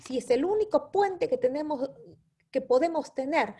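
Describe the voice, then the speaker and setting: A woman's voice: high voice, lively intonation, normal speed, warm tone. A woman teaching a Bible study lesson, explaining step by step and checking in with her listeners with a repeated "¿sí?".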